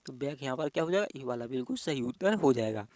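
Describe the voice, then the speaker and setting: A man's voice: medium pitch, expressive, fast talker, a little mellow, no room sound. A man teaching an exam-prep reasoning lesson. He talks in a repetitive, coaxing way and keeps addressing the viewers as dear friends.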